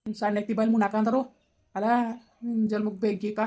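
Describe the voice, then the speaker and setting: A woman acting a quarrelsome rural woman in a family feud, scolding and cursing in a rapid-fire stream. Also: mid-range voice, little pitch movement, warm tone, lightly acted. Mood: quarrelling. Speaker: actor in a village family skit. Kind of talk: amateur comedy skit acting.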